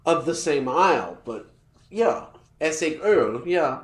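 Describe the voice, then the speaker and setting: Her deep voice unfolds at a slow pace amid reverberation. She's a US-born co-host of a podcast in her thirties, an English speaker from birth, telling a lively story at her own expense with lots of laughter during relaxed conversation.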